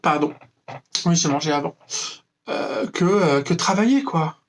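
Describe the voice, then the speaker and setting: A man's voice: a little high, lively intonation, unhurried, slight background noise. Sarcastic young French man ranting. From France. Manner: sarcastic, mocking, rambling with many fillers. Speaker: vlogger. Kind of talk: freestyle rant to camera.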